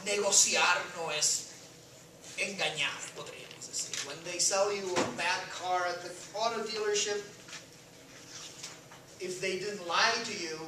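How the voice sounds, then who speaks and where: A woman's voice: fairly low pitch, fairly even intonation, takes it slowly, pauses often, background noise. A woman teacher lecturing a class and quizzing students, often asking "right?". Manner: questioning, switches into English, reads aloud. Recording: echoey classroom from far off.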